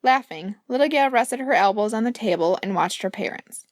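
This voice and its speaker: A woman's voice: on the high side, expressive, a little fast, no echo, studio quality. A woman, the author, reading her own fairy-tale audiobook, playful and speaking asides to the listener. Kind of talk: audiobook narration.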